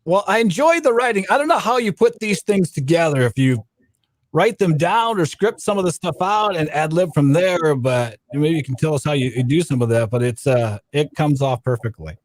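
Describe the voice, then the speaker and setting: A man's fairly high voice, recorded dry and without room sound. He interviews casually for radio, with an enthusiastic, admiring manner. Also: lively intonation, normal speed, dry recording. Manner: enthusiastic, fan-like.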